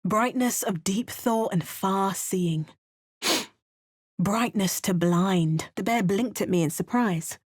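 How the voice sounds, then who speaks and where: She takes her time in a mid-range voice with a darkish tone and no echo. The lines are for a video game, voicing a guarded, determined female adventurer with a British accent who trades dry asides with storybook narration.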